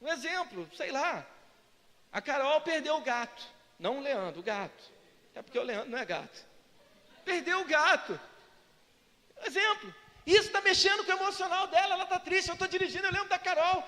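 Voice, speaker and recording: High-voiced Brazilian pastor in a reverberant hall. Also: male voice, a little fast. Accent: Brazilian Portuguese. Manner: lively preacher who acts out prayers and dialogues; asks the congregation for responses. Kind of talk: sermon. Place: church sanctuary.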